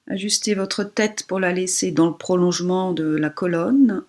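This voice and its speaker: This is a woman yoga instructor with a lowish, soft, breathy voice, guiding a relaxation meditation. She offers gentle, unhurried directions and leaves pauses between them.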